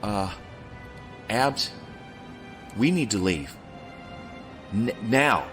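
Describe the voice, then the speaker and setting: An actor playing a nervous, protective boyfriend who stammers, in an audio drama. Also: male voice, lowish voice, sing-song, very slow, a bit bright, faint music behind, full character voice.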